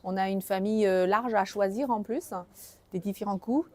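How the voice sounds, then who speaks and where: A woman's voice: mid-range voice, steady tone, moderate pace, warm tone. Woman, hesitant. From China. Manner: simple, slightly broken French with hesitations. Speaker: tea shop manager. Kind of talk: casual interview answers.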